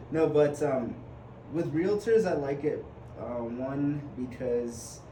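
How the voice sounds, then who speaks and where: A man of twenty-one, originally from Uganda, chats as a podcast guest in an easy, rambling way. He hesitates often and restarts his sentences, and his voice sits at a middle pitch. The room is echoey, with clear noise underneath. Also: slow pace, dark tone. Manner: chatty and hesitant, many fillers and restarts. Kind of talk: casual conversation.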